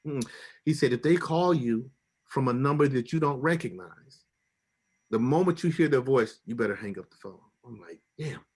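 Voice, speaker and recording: A middle-aged man tells a painful personal story in an animated, emotional way. His voice sits in an ordinary middle range. He leaps high when he mimics the people he quotes. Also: normal speed, husky. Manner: animated, acts out quoted voices with big pitch jumps. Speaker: guest telling his story.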